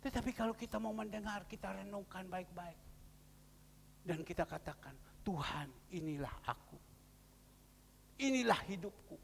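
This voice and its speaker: Pastor pria, khotbah, bercerita dengan dialog, suara tinggi, gema aula panjang. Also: male voice, normal speed, gravelly, long pauses, a little hiss or hum. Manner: storytelling, quoting people in the story; alternates emphatic raised passages with low murmured asides. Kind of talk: sermon. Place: church hall. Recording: long church-hall reverb.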